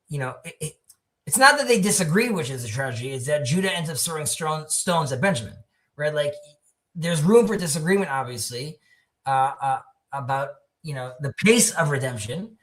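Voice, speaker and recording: A man's voice: a little high, expressive, normal speed, fairly bright tone. A man hosting an online discussion, explaining prayer texts while searching for his words. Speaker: host.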